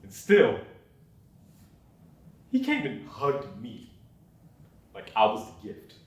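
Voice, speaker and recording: A man's voice: medium pitch, huge pitch swings, slow. Young guy doing a sorry dad beating himself up, cussing, mid voice, far from the mic, lots of room echo. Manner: brooding, profane confession. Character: remorseful separated father who missed son's birthday. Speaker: student actor. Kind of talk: dramatic monologue.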